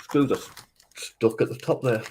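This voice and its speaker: A man's voice: mid-range voice, fairly even intonation, normal speed, a little mellow, slight background noise. A man with a Northern English accent co-hosting a model-building livestream, making short remarks while he assembles parts. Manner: short remarks while working with his hands. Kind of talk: casual livestream build chat.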